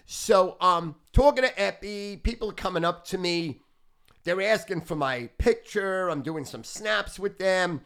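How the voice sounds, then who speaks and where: A brash man in his fifties spins long, wandering stories on his podcast, bragging freely and swearing constantly. His voice sits a little high for a man. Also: a little slow, a bit bright, clear, resonant tone. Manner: boastful, profane, rambling. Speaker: podcast host. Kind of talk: casual storytelling.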